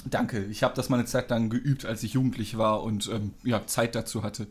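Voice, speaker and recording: A man's voice: on the low side, steady tone, moderate pace, slightly rough. A man chatting on a podcast panel, hesitant and hedging, often restarting his sentences. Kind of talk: casual chat.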